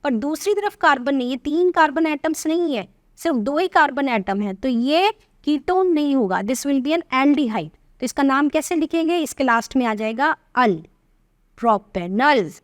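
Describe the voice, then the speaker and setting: An Indian woman teaching chemistry, asking the class questions and spelling out formulas slowly. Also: high-pitched, expressive, dry recording, clean studio sound. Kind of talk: classroom lesson in Hindi-English mix.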